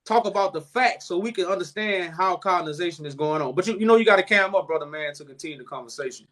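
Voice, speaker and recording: A man's voice: high voice, quick pace, fairly bright tone. A man hosting a live chat, preaching and explaining at length, calling the listener "brother man". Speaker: host.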